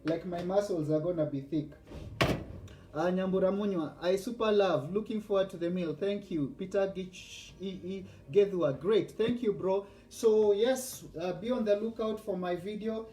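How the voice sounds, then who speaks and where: A Kenyan-accented man in his forties hosts a casual live cooking vlog, chatty and boastful, greeting viewers by name. His voice is high-pitched and dark in tone, at a moderate pace, recorded in an echoey room.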